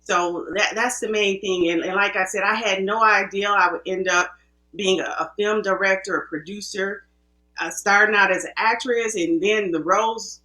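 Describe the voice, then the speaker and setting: A woman's voice: mid-range voice, fairly even intonation, normal speed, sharp tone, roomy sound, low-quality recording. A woman from the American Midwest, a film producer guest telling her story in a chatty, self-interrupting way. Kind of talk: casual interview talk.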